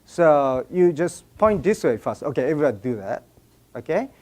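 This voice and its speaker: A man's voice: fairly high pitch, very animated, normal speed, dark tone. A man with a Japanese accent, a native Japanese speaker, giving a joking seminar talk and directing a live audience.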